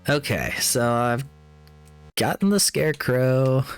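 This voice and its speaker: A man's voice: medium pitch, lively intonation, slow pace, smooth. A man streaming a video game, giving casual commentary and reading in-game text aloud.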